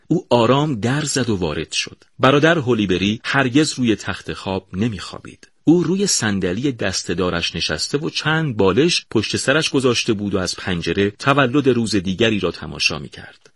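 A man's voice: on the low side, a bit bright, breathy edge, no room sound, studio quality. A man reading a youth novel excerpt aloud as scripted narration, then introducing the book.

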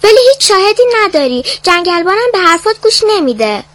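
A woman's voice: very high voice, very animated, a bit bright, no echo, full character voice. A woman voicing a small squabbling field mouse and a squirrel in a children's storybook reading. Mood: bickering.

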